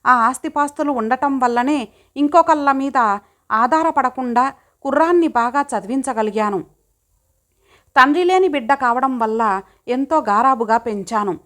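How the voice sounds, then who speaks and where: Female audiobook narrator, high voice, steady dramatic read. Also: moderate pace, pauses often. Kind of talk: first-person story narration.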